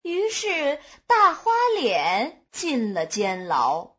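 Bright, high-voiced woman telling a folk tale. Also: very slow, slightly rough. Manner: lively, expressive storytelling. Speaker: storyteller. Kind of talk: storybook narration. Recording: dull lo-fi recording.

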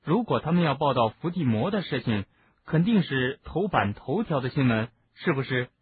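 A man's voice: medium pitch, expressive, normal speed, a little hiss or hum, lightly acted. A man reading an audiobook, voicing a puzzled, touchy teenage boy hero who asks incredulous questions. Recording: narrow phone-like lo-fi sound.

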